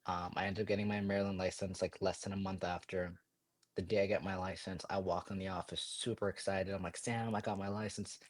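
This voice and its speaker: A young man in his twenties tells his story as a podcast guest, quick and energetic with plenty of fillers. His voice sits very low and stays flat in pitch. The sound is dry and close, with no room echo. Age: 20s. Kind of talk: casual storytelling.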